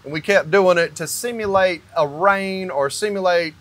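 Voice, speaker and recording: Inside a metal-walled barn or shop, a builder in his fifties who owns the company walks through construction step by step, stressing each point firmly. He speaks at a moderate pace in a high-pitched, slightly bright voice.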